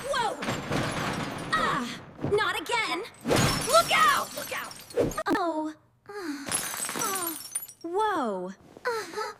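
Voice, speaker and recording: A woman voicing an excitable little winged cartoon critter, squealing exclamations and reading sound effects aloud. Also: heavily acted. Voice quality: squeaky, shrill. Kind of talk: cartoon dialogue. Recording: loud background noise.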